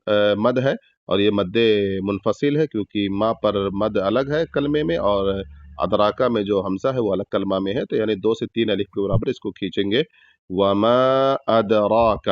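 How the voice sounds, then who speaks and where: A man's voice: on the low side, no echo. Patient male recitation teacher, dull dry sound. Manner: patient, explains slowly, repeats words as drawn-out recitation examples. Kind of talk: step-by-step tajweed lesson.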